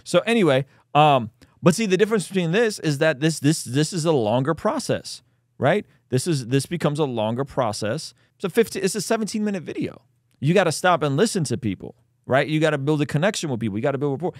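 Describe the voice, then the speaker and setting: A man's voice: on the high side, sing-song, fast talker, no echo, clean studio sound. A man giving casual, emphatic reaction commentary as a host, often repeating himself for stress. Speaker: host commenting on a video clip.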